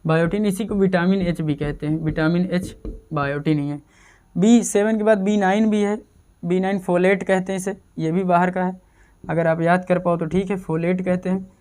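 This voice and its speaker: A chemistry teacher gives a casual exam-prep lecture, drilling terms by repeating them and asking and answering his own questions. His voice is high-pitched yet darkish, clear and resonant, with fairly even intonation at a moderate pace.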